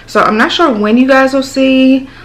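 A beauty vlogger in her twenties chats about products from a small indoor room lined with product shelves, her voice high and at a moderate pace. It sounds altered because she's recovering from throat surgery. She's chatty and animated, calling viewers "y'all" and "girl."

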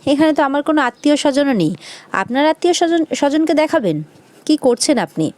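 A woman's voice: sits high, expressive, a little fast, a little mellow, pitched above the performer's own voice. A woman reading a defiant young woman. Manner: retorting, indignant.

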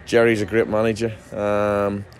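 A man's voice: fairly low pitch, completely flat delivery, moderate pace. A man in his forties, a football manager, giving a chatty post-match interview outdoors at a ground at night, restarting sentences often. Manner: chatty, frequent restarts and fillers.

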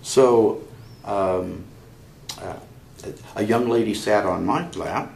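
Older man, interview guest, halting storyteller, lowish voice, faint background hiss. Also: creaky, a little mellow, roomy sound. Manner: halting, many restarts, laughs at own stories. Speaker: interview guest, chapter member. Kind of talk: conversational storytelling.

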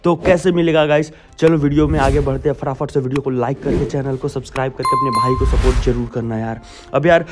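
Over background music, a young Indian man who makes gaming videos on YouTube delivers a casual, blunt game update, addressing viewers as friends through a close mic. His voice is mid-range and a little mellow.

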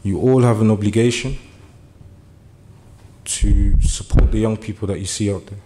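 Against a noisy background, a young man from Germany speaks earnestly to a meeting as a community speaker. His fairly low voice moves at a normal speed, starting hesitant and full of fillers before building into urgent appeals.

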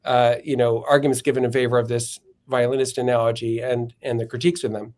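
A man in a podcast interview lays out philosophical arguments in a measured, step-by-step way, often stopping to correct himself mid-phrase. His voice sits at an ordinary middle pitch. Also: little pitch movement, darkish tone. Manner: measured, methodical, frequent self-corrections. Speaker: philosophy professor guest.

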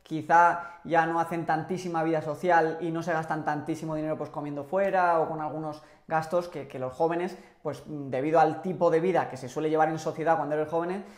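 Man explaining finances, roomy sound. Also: on the high side. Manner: animated hand gestures, measured explanatory delivery. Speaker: personal finance youtuber. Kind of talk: explanatory to-camera talk. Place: small home office room. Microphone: lapel mic.

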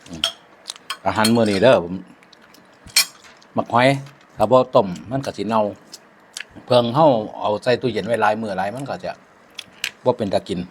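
A man's voice: fairly low pitch, moderate pace, long pauses, a little hiss or hum. A man with an Isan accent chatting reflectively over a meal, using many polite particles. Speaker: vlogger. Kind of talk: casual chat over a meal.

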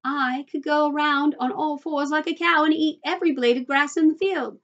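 A woman's voice: high voice, steady tone, normal speed, fairly bright tone, pitched above the performer's own voice. Woman putting on a gleeful old grandpa, muffled recording. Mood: delighted. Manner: enthusiastic, delighted.

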